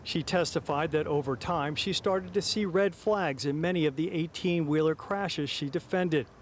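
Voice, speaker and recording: Male TV news reporter, fairly high register, formal measured live delivery, recorded outdoors in the city. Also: slight background noise. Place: outdoors outside a city courthouse. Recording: live outdoors on an urban street.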